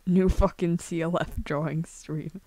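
A young woman streamer chats casually while drawing on a screen-share livestream from her computer indoors. Her voice is fairly low and dark, with fairly even intonation and a slightly slow pace, and the recording has no room sound. She rambles hesitantly, swears often, and puts herself down.

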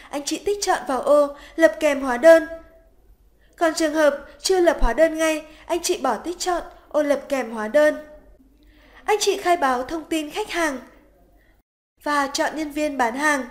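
A woman with a high, light voice reads scripted narration for a software tutorial, voiced over a screen recording. She is polite, even and methodical, guiding the listener through each step.

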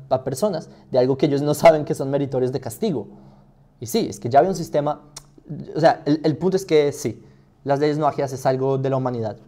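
Man teaching, mellow voice, rhetorical questions. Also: mid-range voice. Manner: thinks aloud with rhetorical questions. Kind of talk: live class answering questions.

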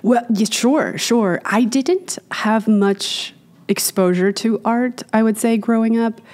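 A woman's voice: a little high, takes it slowly, a little mellow. A woman in her thirties from Virginia, an artist guest telling her story in an upbeat, chatty way, recorded in a gallery on a studio mic. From Manassas, Virginia, US. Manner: chatty, upbeat, frequent fillers. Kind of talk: casual interview chat. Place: gallery space, indoors. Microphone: studio mic on boom arm, headphones.

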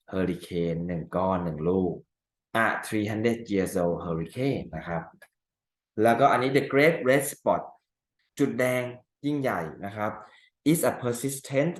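A male teacher walking through exam answers step by step, asking rhetorical questions and reading example sentences slowly. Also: fairly low pitch, echoey room. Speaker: English teacher. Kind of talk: exam answer walkthrough lesson.

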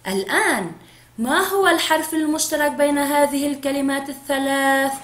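A woman teacher giving a first-grade phonics lesson, speaking slowly and clearly to young children. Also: high-pitched, reverberant. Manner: slow, clearly drawn-out speech to young children.

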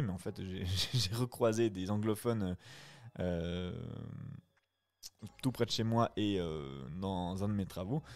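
A man's voice: on the low side, darkish tone. A man, chatting casually with his live viewers after a reading in a friendly, reflective way. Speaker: streamer and voice-acting reader.

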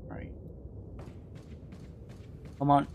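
A man hosting a let's play, commentating casually, rambling with lots of filler pauses, and hiccuping. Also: heavy background noise. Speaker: gaming channel host.

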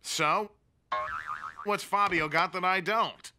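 Salem, a sarcastic cat. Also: male voice, sits high, slow, bright, forceful tone, heavily acted. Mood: sardonic. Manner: sardonic, dramatic, wheedling. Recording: cartoon dialogue with music behind.

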